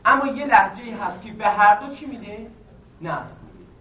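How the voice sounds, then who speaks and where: High-voiced man teaching in an echoey room. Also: sharp tone, dull audio. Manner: poses questions to the class and answers them himself; repeats each point patiently. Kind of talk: seminary grammar lesson. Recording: echoey room, mic at a distance, faint noise.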